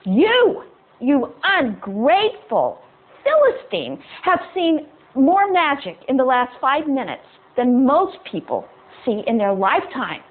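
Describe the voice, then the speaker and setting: A sarcastic enchanted groundhog with a high, brassy voice that leaps up when she is exasperated, as a woman puts her on. She scolds with no-nonsense impatience. The sound is thin and tinny, like a phone line. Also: sing-song, slow, exaggerated voice. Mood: indignant.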